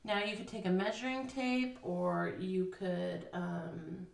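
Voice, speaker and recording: A fairly low, creaky female voice speaks slowly and steadily. She's a craft instructor explaining each step at a table, casually thinking aloud with fillers, captured in a roomy, slightly distant recording.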